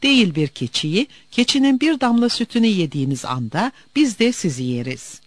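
A man voicing a pompous male chief slowly reading a formal letter in a storybook tale. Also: sits high, big pitch swings, dry recording. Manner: slow, formal.

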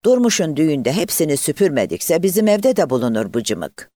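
A man voicing a sly, flattering village man with a wheedling manner. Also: a little high, normal speed, dry recording, studio quality, voice pushed up. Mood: coaxing.

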